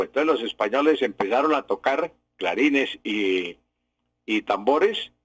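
A man's voice: medium pitch, slightly rough, no echo. A man with a Colombian accent, a language professor answering listeners' questions on a radio segment, explaining at length and wandering into anecdotes. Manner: explanatory, digressive, tells historical anecdotes.

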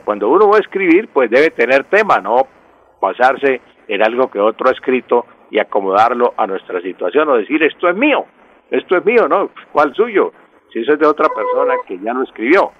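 A man answers listeners' spelling questions on air and walks through each rule patiently, often repeating it. His voice sits at a middle pitch. The broadcast sound is dry and slightly dull. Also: no room sound. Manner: measured, explanatory, repeats key points. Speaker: language expert on a radio show. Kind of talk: radio Q&A on spelling.

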